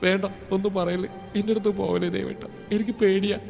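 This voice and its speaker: A frightened young woman in a hospital bed, pleading in a high, soft, tearful voice, as a male storyteller puts her on. The reading carries a long echo with faint music behind. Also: level tone, fast, gravelly.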